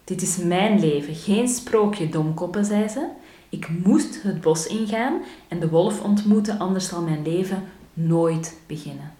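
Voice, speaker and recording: A woman's voice: fairly low pitch, unhurried, warm tone, natural voice. A woman voicing a bold young village maiden in a fairy tale who questions and defies everyone. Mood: defiant. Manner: defiant, questioning. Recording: roomy echo.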